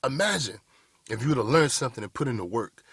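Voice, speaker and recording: Fast-talking and expressive, a man in his 30s preaches bluntly to the camera as a motivational speaker, referring to his audience as "y'all boys." His voice is medium in pitch, a bit bright and slightly rough. It's captured on a camera mic in studio quality with no room sound.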